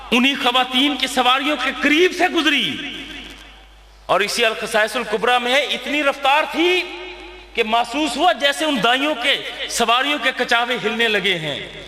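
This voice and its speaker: Man from Pakistan, preacher, dramatic sermon storytelling, bright forceful voice, echoey hall. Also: extremely high pitch. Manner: dramatic, rising and falling, repeating phrases for emphasis. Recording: echoey hall with long reverb.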